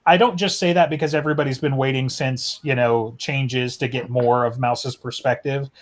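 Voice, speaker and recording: A man's voice: medium pitch, steady tone, moderate pace. Rambling man chatting about a book. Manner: rambling, many fillers and restarts. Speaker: podcast co-host. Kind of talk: casual book discussion.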